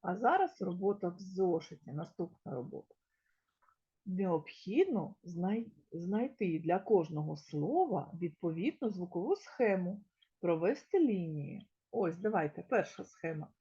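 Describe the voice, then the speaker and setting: A woman teaching a small-children's lesson in a slow, sing-song way, stretching words out and sounding them out one by one. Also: fairly low pitch, sing-song, warm tone, breathy edge, highs cut off. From Ukraine. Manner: drawn-out, sound-by-sound word pronunciation. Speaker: kindergarten teacher.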